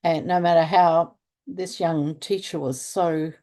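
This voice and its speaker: Low-pitched, mellow, and steady, the voice of an older Australian woman moves a little slowly. She trains others in restorative practice and, in a conversational interview, talks earnestly, reaching for words and stressing important ideas.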